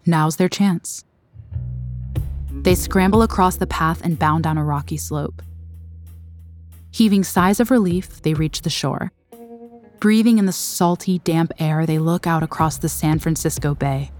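A woman giving scripted documentary narration, recorded as a studio voice-over, in a measured, dramatic storytelling manner. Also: deep voice, darkish tone, soft background music.

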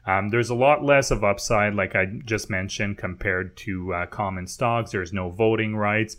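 Bright-voiced French Canadian man explaining. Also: fairly low pitch, normal speed. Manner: explanatory, with fillers and restarts. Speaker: podcast co-host. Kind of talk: casual podcast chat.

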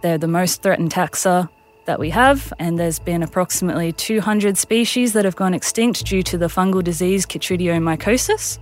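A woman scientist explains her field in an interview. Her voice sits fairly low, with faint music behind it. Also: normal speed.

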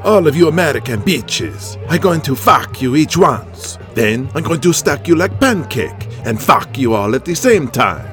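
An actor playing an arrogant villain wrestler who rants in broken English with a put-on Middle Eastern accent. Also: male voice, fairly high pitch, big pitch swings, measured pace, hardly any pauses, fairly bright tone, soft background music. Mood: leering. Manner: broken English, bombastic ranting. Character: arrogant villainous heel wrestler champion, boastful, hateful. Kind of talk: audio drama acting.

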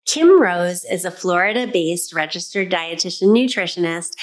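A woman's voice: fairly low pitch, animated, normal speed. A woman hosting a health podcast, delivering a prepared introduction and welcoming questions in a presenter's style. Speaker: podcast host, dietitian.

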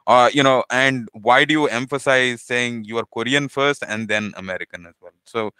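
A man's voice: mid-range voice, normal speed, bright, forceful tone, clear, resonant tone, no room sound. A man hosting a podcast, asking questions thoughtfully and hesitantly, with many fillers. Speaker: podcast host. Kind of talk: casual interview talk.

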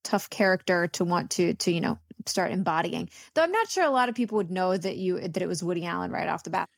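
A woman's voice: on the low side, expressive, fast, creaky, dry recording, studio quality. A woman co-hosting a podcast in casual comedic chat, thinking aloud with hesitant restarts. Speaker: podcast co-host.

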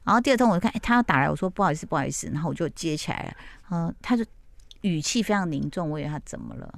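A woman's voice: lowish voice, rapid-fire, vocal fry, dry recording. A woman host with a Taiwanese Mandarin accent, chatting casually and acting out stories with lots of voices. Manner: animated storyteller who acts out quotes. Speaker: podcast host. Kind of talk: casual chat.

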